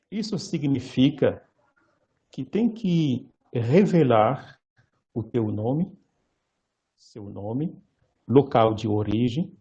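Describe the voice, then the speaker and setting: A male priest giving a lecture-style sermon, slow and measured, pausing often and correcting himself mid-word. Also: medium pitch, darkish tone, highs cut off.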